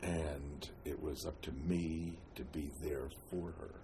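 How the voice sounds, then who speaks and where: Elderly man, American accent, halting reminiscing, slow delivery, oral history interview, noticeable background noise. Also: very deep voice, fairly even intonation. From New Jersey, United States. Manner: halting, with long pauses and frequent hesitations. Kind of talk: reminiscing, telling life story.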